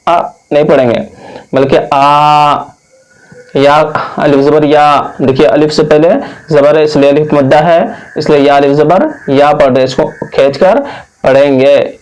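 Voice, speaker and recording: Man from India, Quran recitation teacher, slow spelled-out lesson, patient and repetitive, somewhat high voice. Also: fairly even intonation, darkish tone, poor audio. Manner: patient, repetitive, drawing out long vowels.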